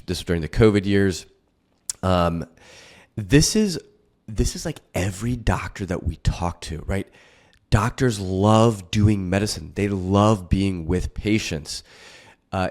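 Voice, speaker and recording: Very low-voiced casual man. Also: darkish tone. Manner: casual, filler-heavy. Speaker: financial advisor host. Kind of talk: reaction video commentary.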